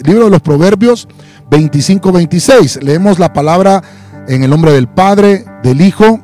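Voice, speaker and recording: High-voiced man preaching a sermon. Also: dark tone. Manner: addresses listeners as "hermano" often, with fillers and restarts; slows down to stress scripture. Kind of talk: sermon with Bible reading and prayer.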